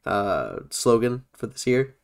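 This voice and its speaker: A man co-hosting a podcast in casual chat, animated and laughing as he reads bullet points aloud. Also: mid-range voice, takes it slowly, vocal fry, clear, resonant tone. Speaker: podcast co-host. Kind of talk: casual chat about a theme park event.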